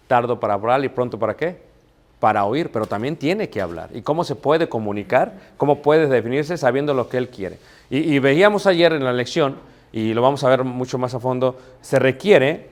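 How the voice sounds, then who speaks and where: A middle-aged male preacher with a Mexican accent, giving a sermon on marriage. His voice sits at an ordinary male pitch. He talks emphatically, repeats key phrases and poses rhetorical questions to the men listening. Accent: Mexican Spanish.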